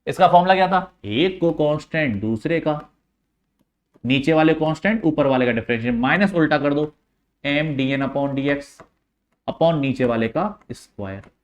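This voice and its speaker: A man's voice: on the high side, moderate pace, dull audio. A male teacher working through a maths lesson step by step, coaxing and repeating the key points straight to his students.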